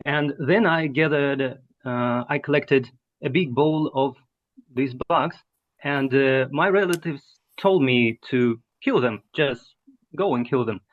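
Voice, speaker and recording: A man telling a personal story in an online study group, halting and searching for words. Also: medium pitch, phone-quality sound.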